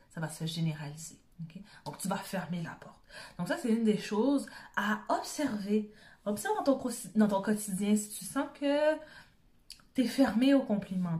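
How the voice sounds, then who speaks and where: A self-help coach with a Quebec French accent gives an informal motivational talk in a warm, mid-range voice. She keeps it conversational, often checking in with short tag questions.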